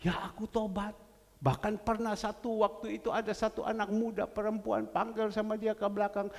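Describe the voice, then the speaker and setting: A male pastor preaching in a church sanctuary, telling anecdotes with animated energy and slipping into Javanese phrases. His voice sits fairly high with a gravelly edge, and the sound trails off into a long hall reverb. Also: a little fast. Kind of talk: sermon with acted-out anecdotes.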